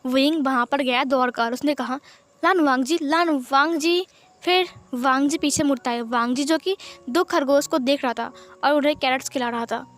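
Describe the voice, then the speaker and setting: A woman retelling a fan fiction story aloud as a storyteller, in a plain, simple way. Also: sits high.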